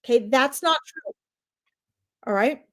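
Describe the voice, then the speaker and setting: Brief: woman, 50s, higher voice, chatty psychic medium on a live stream, dry close sound. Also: unhurried, no echo, low-quality recording. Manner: chatty, animated, talks straight to viewers. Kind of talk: live-stream reading, addressing viewers.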